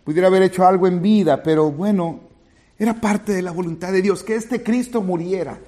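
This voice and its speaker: A man with a high-sitting voice preaches fairly quickly as a pastor. He addresses the congregation directly and brings the sermon to life by acting out little scenes.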